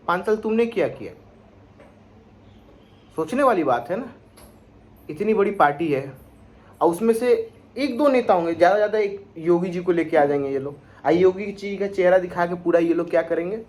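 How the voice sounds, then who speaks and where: A young man with a noticeably high voice vents about politics in a vlog, speaking. He is indignant and sarcastic and keeps firing rhetorical questions at his target. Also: expressive, normal speed, pauses often, darkish tone. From Bihar, India. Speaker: political commentator vlogger. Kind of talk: opinionated political rant.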